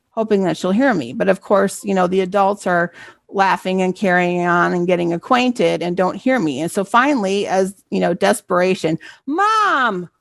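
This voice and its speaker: A middle-aged woman speaks as a program coordinator, sharing a personal story during a presentation. Her voice has a gravelly fry, and the sound is dry and close. She talks conversationally and keeps asking "right?" to draw listeners in. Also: on the low side, no echo. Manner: conversational, asks "right?" for assent.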